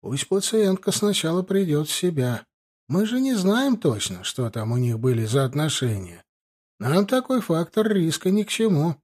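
A man's voice: fairly high pitch, very animated, moderate pace, darkish tone, husky, pitched above the performer's own voice. A man doing a cautious head physician.

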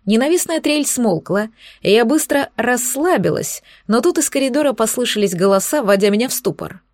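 Woman reading a fantasy story out loud, wry and expressive, super dry close mic. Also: on the high side, brisk, no room sound. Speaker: narrator. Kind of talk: first-person fiction reading.

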